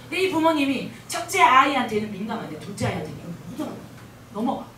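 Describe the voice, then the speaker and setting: A woman speaking as a guest missionary at a church revival meeting. She talks in an animated way and keeps asking the audience questions. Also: on the high side, quick pace, a little hiss or hum. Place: large church hall. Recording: echoey hall, mic at a distance.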